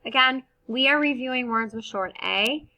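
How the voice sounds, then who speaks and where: A woman teacher giving a gentle, encouraging reading lesson to first graders, slowly sounding out each word. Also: fairly high pitch, poor audio.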